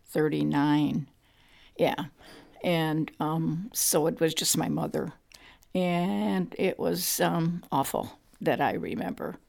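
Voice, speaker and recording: Gravelly older grandmother. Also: low voice, a little mellow. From Poland. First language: Polish. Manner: halting, reflective, many pauses and fillers. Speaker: interviewee, grandmother. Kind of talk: oral history recollection.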